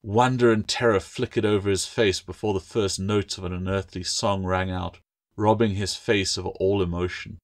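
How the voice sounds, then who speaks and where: A man, the author, reading his own fantasy novel aloud in steady, measured audiobook narration. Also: deep voice.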